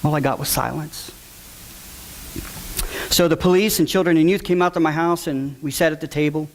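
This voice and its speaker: A man's voice: on the high side, normal speed, slight background noise. A man, a father, telling an audience his personal story in an earnest, emotional way, sometimes acting out the people he quotes. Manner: acts out voices in quotes, shouting at times.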